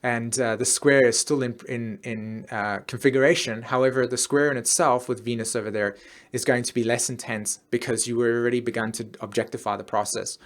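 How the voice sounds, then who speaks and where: Animated man giving an astrology forecast. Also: medium pitch, brisk. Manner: animated, acts out planets in quoted voices; rambling, many restarts and fillers.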